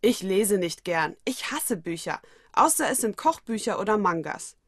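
A woman playing a grumpy teenage schoolboy, quick-tempered, storybook reading, dry. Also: medium pitch, lively intonation, no room sound, natural voice. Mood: grumbling. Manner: grumpy, easily angered. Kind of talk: audiobook reading of fan fiction.

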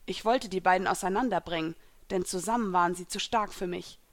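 A woman's voice: lowish voice, a little fast. Woman reading a first-person story. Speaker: reader.

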